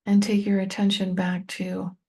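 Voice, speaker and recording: In a guided meditation, a woman who teaches meditation and coaches tapping speaks in short, spaced-out phrases, giving the listener gentle instructions without hurry. Her dark, soft-edged voice carries heavy fry, and her delivery is completely flat with a fairly steady pitch.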